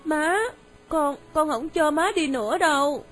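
A woman's voice: high voice, unhurried, fairly bright tone, faint music behind, pitched above the performer's own voice. An actress in a radio drama voicing a sick little girl who pleads with her mother in a small, childlike way. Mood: pleading.

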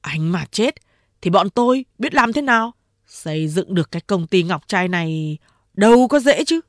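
A woman's voice: mid-range voice, animated, normal speed, no echo, studio quality, lightly acted. A woman voicing a loyal male underling who anxiously coaxes his boss and rebukes a young woman indignantly. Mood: fretful.

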